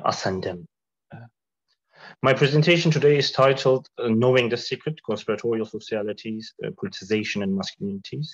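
A man who is unwell, giving an academic presentation over a video call in a careful, measured way with some fillers. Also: on the low side. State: sick. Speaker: guest lecturer. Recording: dull lo-fi call audio.

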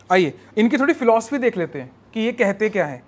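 High-voiced male teacher, Hindi-English mix. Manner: mixes Hindi and English, spells words out slowly, checks with "right?". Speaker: exam prep teacher. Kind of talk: recorded classroom lecture.

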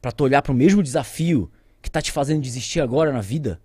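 A man with a Brazilian Portuguese accent, a podcast guest telling an emotional story with conviction, shifting from loud outbursts to near-whispers. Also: medium pitch, quick pace, breathy edge, no room sound, studio quality. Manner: speaks with conviction, addresses viewers directly.

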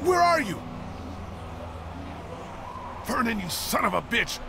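An actor playing a desperate man shouting in panic for a missing girl in a video game. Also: very high voice, very animated, slow, creaky, crowd noise, exaggerated voice. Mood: frantic. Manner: frantic, shouting. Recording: game audio with loud music.

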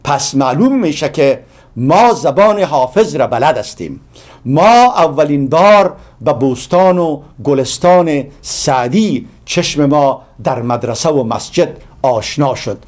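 A man's voice: a little high, animated, a little mellow. A middle-aged man from Afghanistan with an Afghan Dari accent, giving an impassioned speech and building his points through long lists of repeated phrases. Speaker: guest speaker on a community TV program.

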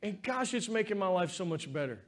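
A man's voice: high voice, very animated, fairly quick. A man preaching a sermon as pastor in a church, talking in an earnest, heartfelt, conversational way.

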